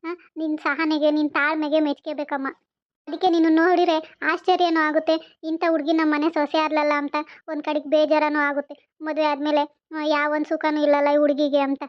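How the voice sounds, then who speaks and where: Brief: a woman as a motherly older mother-in-law in a home drama, high, even voice, muffled lo-fi sound. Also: normal speed, dry recording, close to an everyday voice. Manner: coaxing, rustic village speech. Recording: dull lo-fi.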